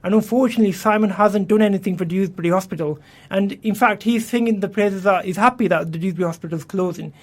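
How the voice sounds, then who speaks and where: An English man standing as an election candidate answers radio interview questions earnestly in a studio. His voice sits high and he talks fast with hardly any pauses, often restarting and repeating words.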